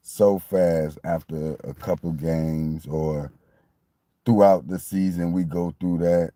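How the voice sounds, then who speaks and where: A low, mellow male voice, recorded dry at studio quality, belongs to a Miami sports fan in his late forties. He chats conversationally about his football team, repeating himself and drifting.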